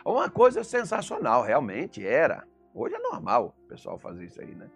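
A man's voice: mid-range voice, normal speed, creaky, breathy edge. Man, Brazilian accent, pastor, sermon, rhetorical questions, faint music. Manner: animated storytelling, rhetorical questions.

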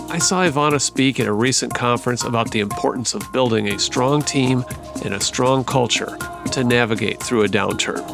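A male podcast host with a mid-range, gravelly voice. He reads his introduction from a script, then asks questions in a looser way, full of ums and restarts. Music plays clearly under his voice. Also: mid-range voice. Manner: hesitant with fillers and restarts in conversation.

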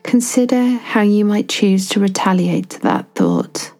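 Slow, gravelly woman guiding a meditation. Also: medium pitch, huge pitch swings. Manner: slow, soft and soothing, with long pauses. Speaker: meditation guide. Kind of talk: guided self-compassion meditation.

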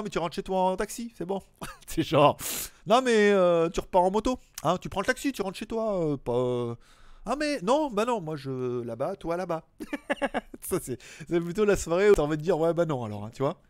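A man's voice: fairly high pitch, no room sound, clean studio sound. Chatty man hosting a live stream. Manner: chatty, joking, greets viewers by name. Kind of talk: casual live-stream chat reading viewer messages.

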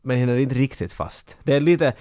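A male podcast co-host from Finland, retelling a film scene and his own stories in lively casual chat. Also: medium pitch, clear, resonant tone, no room sound, studio quality. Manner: animated storyteller, recaps the film.

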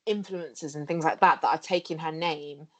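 A woman's voice: low-pitched, fairly even intonation, moderate pace, crowd noise. A young woman with a Cockney accent, co-hosting a casual podcast discussion, earnest and full of fillers and restarts. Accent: London Cockney. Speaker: podcast co-host.

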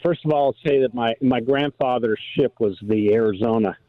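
A man phones in to a radio show. His medium-pitched voice comes through a dry, band-limited telephone line. He talks casually, feeling his way through sentences. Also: normal speed, no room sound. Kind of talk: casual, halting phone chat. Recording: dull, narrow telephone line.

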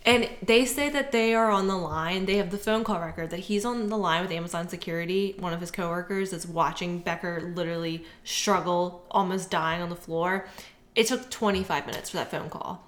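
A woman's voice: fairly low pitch, brisk. A woman casually telling a story on a podcast, swearing often and acting out the people she quotes. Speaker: podcast co-host. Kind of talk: casual chat. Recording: echoey room.

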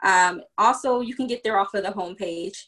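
Speaking fairly quickly in a mid-range, fairly bright voice, a Virginia woman who started a business explains things step by step as a podcast guest. The interview is casual and her speech is full of fillers.

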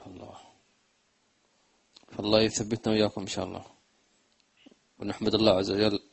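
Gravelly low-voiced preacher. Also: male voice, flat delivery, poor audio. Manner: chants verse slowly, then talks fast and plain to listeners. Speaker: religious teacher. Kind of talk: religious lesson commentary.

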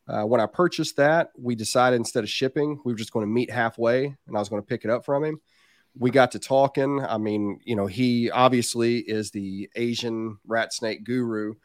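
A man's voice: mid-range voice, dry recording. Folksy southern Indiana man chatting, dry sound. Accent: southern Indiana, Kentucky-border. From southern Indiana, United States. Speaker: podcast guest, reptile business owner. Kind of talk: casual podcast interview.

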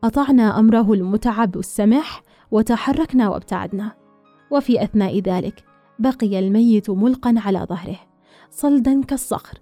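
A woman narrating a story in a measured, literary way. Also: a little high, mellow, dry recording, faint music behind.

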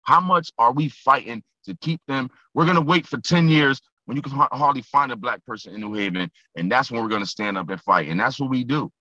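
An earnest, emphatic man comes through an online conference call that sounds dull and dry, with no room sound around him. His voice is bright and pointed, and he drives his points home by repeating key phrases. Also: medium pitch, a little fast, few pauses, no echo. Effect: heard over an online conference call. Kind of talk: impassioned group discussion. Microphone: computer or phone mic on a video call.

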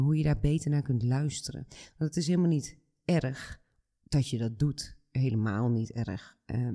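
A calm man hosting a reflective podcast, talking straight to the listener at an unhurried pace. His voice is mellow and dark, with a gravelly rasp running under his words. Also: medium pitch. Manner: calm, slow and addressing the listener directly. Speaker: podcast host and coach.

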